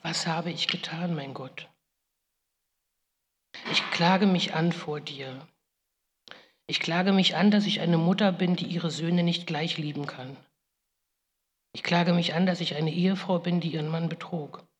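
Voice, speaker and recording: A woman's voice: on the low side, fairly even intonation, measured pace, long pauses, lightly acted. A woman playing Rebekka, a guilt-ridden biblical mother, in a solemn, grave first-person monologue with pleading outbursts, in a big reverberant hall. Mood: solemn lament.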